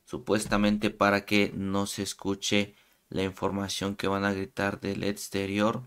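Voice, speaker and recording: Deep, flat-voiced YouTuber. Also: male voice, measured pace, smooth. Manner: relaxed, hesitant with frequent "eh" fillers. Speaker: YouTube commentator. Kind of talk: casual reality-show commentary.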